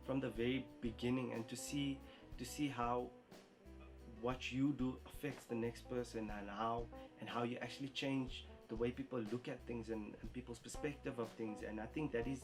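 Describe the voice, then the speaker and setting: A man reflects earnestly in an interview, often stopping to repeat a word. His voice sits at a middle pitch. Clear guitar music plays behind him. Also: steady tone. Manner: earnest, halting with repeated words. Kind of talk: interview answers.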